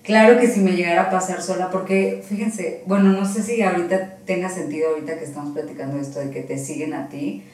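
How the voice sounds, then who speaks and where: A woman with a Mexican accent, a guest telling a personal story casually and in a rambling, animated way. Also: fairly low pitch, quick pace, hardly any pauses. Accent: Mexican Spanish. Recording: echoey room, far from the mic.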